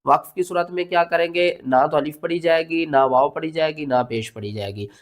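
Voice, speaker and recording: A man teaching Quran pronunciation step by step, spelling words letter by letter and chanting the verses slowly, asking and answering his own questions. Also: on the high side. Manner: patient, explanatory, asks questions and answers them himself.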